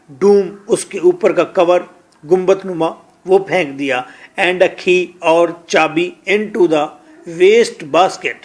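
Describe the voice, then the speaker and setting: A man with a Pakistani accent teaching an English lesson, reading each line slowly and then translating and explaining it, often repeating words. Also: sits high.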